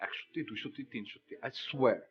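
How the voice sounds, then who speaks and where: An actor playing a fussy, germ-fearing young husband in a TV drama, panicky and pleading. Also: male voice, a little high, animated, normal speed, muffled recording, close to an everyday voice. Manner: panicky, then softly pleading. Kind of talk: TV drama acting.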